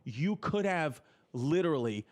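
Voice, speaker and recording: A man's voice: fairly high pitch, sing-song, measured pace. A young man, a stand-up comedian, telling a crude story in casual podcast chat, rambling and swearing a lot.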